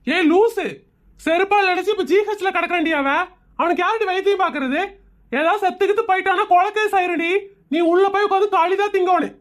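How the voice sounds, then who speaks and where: An exasperated cartoon husband, forever scolding his reckless wife, voiced by a woman. The voice is pitched very high for a man, and he nags in a weary, exasperated tone. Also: fairly quick. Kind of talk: animated comedy cartoon voicing.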